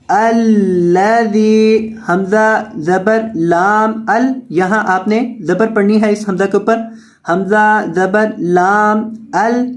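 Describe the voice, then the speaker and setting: A man teaching Quran reading word by word. He draws out the recited words slowly and explains the reading rules quickly between them. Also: high-pitched. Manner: melodic chanted recitation.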